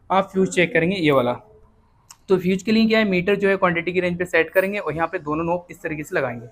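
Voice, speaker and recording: A man teaching a step-by-step repair, explaining each check plainly and often pausing to confirm with the viewer. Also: high voice. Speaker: repair instructor. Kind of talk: hands-on repair tutorial.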